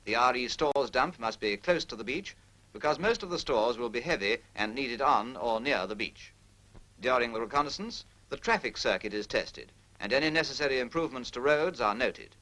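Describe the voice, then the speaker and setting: In a low-quality recording, a British man with a mid-range voice reads formal scripted narration like a 1940s military training film. His delivery is precise, instructional and impersonal, at normal speed with lively intonation and a pushed, bright tone.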